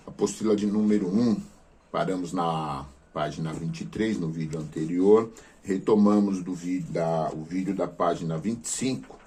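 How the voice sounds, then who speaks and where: A man's voice: low-pitched, darkish tone, slightly rough. A man teaching a recorded seminary video lesson, explaining step by step and checking in with short "okay?" questions. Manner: stresses spelled-out letters and syllables in a raised voice.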